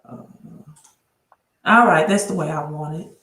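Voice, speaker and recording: A credit educator hosts a casual livestream from her laptop mic, chatty and often restarting sentences while she fixes tech. Her voice is low-pitched, unhurried, and a bit bright, with a roomy sound.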